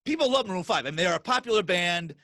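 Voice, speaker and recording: Animated middle-aged podcast host, brisk rapid talker, bright tense voice, dry close sound. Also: male voice, high-pitched, no echo. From US Northeast. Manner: animated, talks fast, many restarts and repeated words. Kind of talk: casual interview chat.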